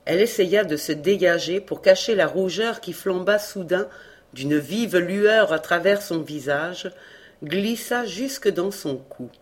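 A narrator calmly reading a classic novel aloud as an audiobook. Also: medium pitch. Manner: calm, measured reading. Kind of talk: scripted literary narration.

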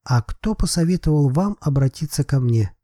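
A cool-headed woman detective, polite but wry, her voice lifted higher than a plain male read, as a male narrator puts her on. The tone stays mellow and a little husky in a dry, close recording of an audiobook. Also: normal speed, dry recording. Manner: calm, polite, slightly ironic. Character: composed woman private detective, dry and firm.

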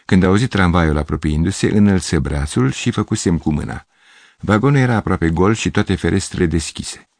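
A man reading a literary story aloud in a measured, steady narration. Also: deep voice, no room sound, clean studio sound.

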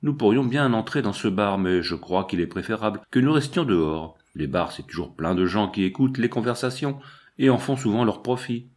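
A man's voice: fairly low pitch, expressive, fairly quick, a little mellow, close to an everyday voice. A man voicing a burly, scheming male street tough who talks in a wheedling, businesslike way.

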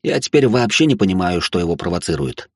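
A man's voice: low-pitched, very animated, fast, slightly rough, no room sound, clean studio sound. A man narrating a novel in first person, with a wry, conversational inner monologue. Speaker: audiobook narrator.

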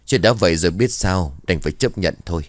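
A grave, fatalistic village elder speaks in a measured, commanding way, played by a man. The voice is deep, close and dry. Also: lively intonation, no echo.

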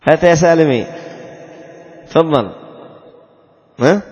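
A man teaching Islamic law to a class, quizzing his students and repeating rules slowly. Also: on the high side, a little mellow. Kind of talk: classroom lesson with questions to students. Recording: dull lo-fi recording, long reverb.

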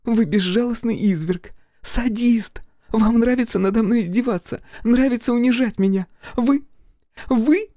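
A woman's voice: on the low side, lively intonation, moderate pace, mellow, no room sound, studio quality, lightly acted. A woman voicing a capricious, manipulative young woman who swings between coaxing and accusing, in audiobook character acting. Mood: hysterical. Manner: theatrical, wheedling and accusing.

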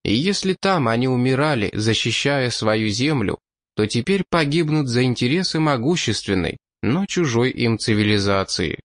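A man narrating an audiobook in a steady, measured reading voice. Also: medium pitch, dry recording, studio quality.

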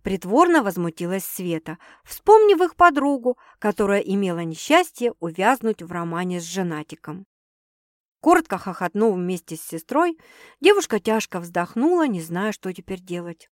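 A woman narrating an audiobook in an even storytelling read. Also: mid-range voice, moderate pace, dry recording, clean studio sound. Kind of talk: scripted narration.

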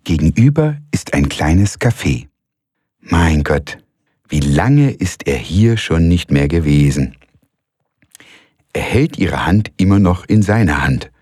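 A man calmly reading a story aloud as the narrator, in a measured way. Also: sits low, breathy edge, dry recording, studio quality. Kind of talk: scripted audiobook narration.

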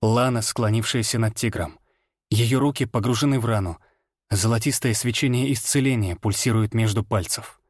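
Male audiobook narrator, measured first-person reading, dry sound. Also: fairly low pitch, dry recording.

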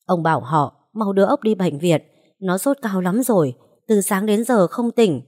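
A woman's voice: medium pitch, lively intonation, moderate pace, darkish tone, lightly acted. A woman voicing a frantic, tearful old grandmother who pleads and coaxes. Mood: pleading.

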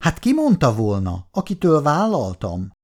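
An actress playing a stubborn, dreamy elderly housewife in a 1960s radio drama, her voice jumping high when she is emphatic. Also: wildly swooping pitch, darkish tone, full character voice. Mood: firm. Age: older. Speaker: Mrs. Szabó.

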